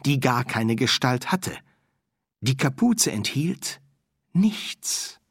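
A man narrating a fantasy audiobook with expressive storytelling. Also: mid-range voice, husky, no echo, clean studio sound. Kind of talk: scripted narration.

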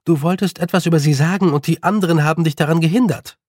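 A man's voice: on the high side, fast talker, darkish tone, no room sound, studio quality, voice pushed up, close to an everyday voice. Man playing a stubborn storybook girl, raised and insistent. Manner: insistent, questioning.

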